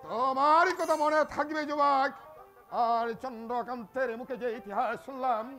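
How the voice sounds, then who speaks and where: A man playing an ageing, stern warrior king in Bengali folk theatre, with a booming, commanding, theatrical delivery and a Bengali accent. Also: fairly even intonation, normal speed, pushed and bright, faint music behind. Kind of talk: historical Bengali jatra folk theatre acting.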